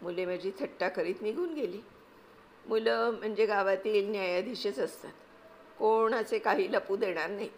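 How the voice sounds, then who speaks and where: A woman narrating a classic novel in a calm, measured, expressive literary reading. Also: mid-range voice, a little hiss or hum. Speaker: reader, narrator.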